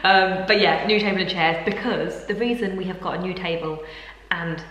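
A woman's voice: on the low side, steady tone, moderate pace, fairly bright tone. British woman in a big echoing room. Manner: chatty, rambling, many fillers. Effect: big echoing room, long hall-like reverb. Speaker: vlogger. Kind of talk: casual vlog chat. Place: sparsely furnished room at home. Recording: echoey hall-like room, faint hum.

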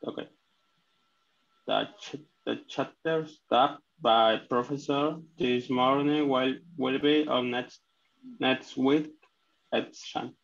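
A man whose first language is Spanish reads English sentences aloud in a tutoring lesson. He is hesitant and halting, restarting words, and speaks very slowly with a gravelly voice. The recording sounds dull and lo-fi. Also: mid-range voice, steady tone. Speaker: student.

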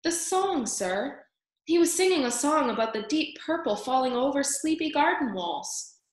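Storybook role: little lovestruck boy mouse played by a female reader, sincere, deferential, raised pitch, roomy sound. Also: lively intonation, moderate pace. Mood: polite, dreamy. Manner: earnest, deferential. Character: small, dreamy, lovestruck young male mouse, earnest and polite.

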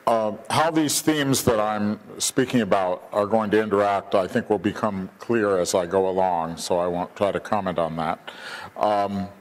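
Older guy giving a conference keynote at a podium mic, lots of ums, thinking out loud. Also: on the low side. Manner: thoughtful, many ums and uhs. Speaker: keynote speaker. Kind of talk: academic lecture. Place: hotel conference hall.

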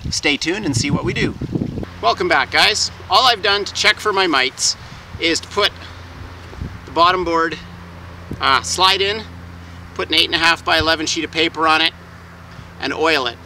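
Working by his hives in a garden, this man in his forties walks viewers through each step for his beekeeping vlog in a relaxed how-to manner. He speaks on the high side at a moderate pace, pausing often, and sounds bright and forceful. There's a little hiss or hum on the low-quality recording.

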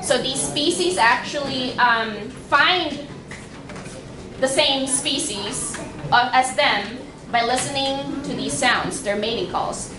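A woman's voice: high voice, slow. A young woman researcher giving a casual public science talk, with lots of fillers and restarts. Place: library meeting room. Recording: echoey room with background noise.

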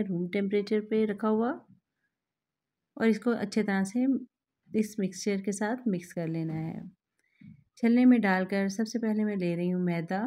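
A woman host, calmly explaining a recipe step by step to her viewers in a voice-over. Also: mid-range voice. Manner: calm, instructive, addresses viewers directly. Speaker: cooking channel host.

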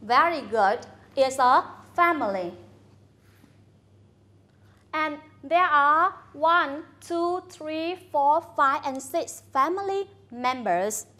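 A Vietnamese-accented woman teaching English to a class, her voice pitched high and clear. She takes her time over every word, pausing to call on students by name. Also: lively intonation, sharp tone. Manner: slow, deliberate, coaxing prompts to students. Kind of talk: bilingual classroom lesson.

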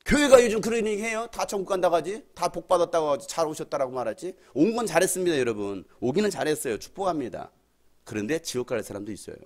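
A man's voice: on the high side, expressive, fast talker. Fiery, scolding Jeolla-accented male pastor. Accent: Jeolla Korean. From Jeolla, Korea. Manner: blunt, scolding, swings between shouts and mutters. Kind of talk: fiery youth sermon. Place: church hall.

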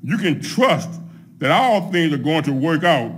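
A middle-aged man preaching a sermon from a pulpit, laying out his points one by one in a measured way. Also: fairly high pitch, sing-song, fairly bright tone, breathy edge. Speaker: pastor. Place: church sanctuary at a pulpit, empty pews behind. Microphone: microphone on a pulpit stand.

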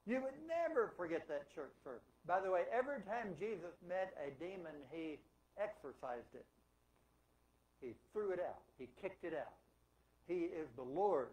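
A man's voice: on the high side, darkish tone, rough recording. A man preaching a sermon as pastor in a church, emphatic and asking rhetorical questions. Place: church sanctuary.

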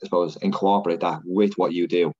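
An Irish man, a podcast guest, talking fast and animated in a casual interview chat. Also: deep voice, muffled recording. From Ireland.

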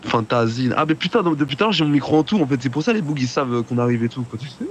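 A man's voice: medium pitch, animated, racing. A man chatting casually as a teammate over voice chat in an online game. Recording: game voice chat, faint noise.

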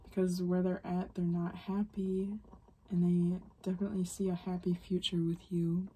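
A woman giving a pick-a-card tarot reading. She is soft-spoken, musing and unhurried, and often slips into a whisper. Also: fairly low pitch, level tone, breathy edge. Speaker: tarot reader.

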